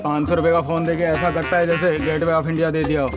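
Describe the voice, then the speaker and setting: A cheeky working-class driver, played by a man, talking back in rough street speech with a slightly raised voice. Music plays behind him. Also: fairly high pitch, little pitch movement, fairly quick, lo-fi sound, close to an everyday voice.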